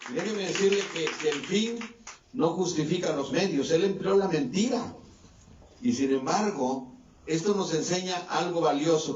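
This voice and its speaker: A pastor delivers a sermon, his voice climbing and dropping as he preaches. He sounds set back from the microphone in a roomy church hall. The sound is dull and muffled. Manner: preaching with swings between raised and lowered voice. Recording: distant echoey church mic, dull sound.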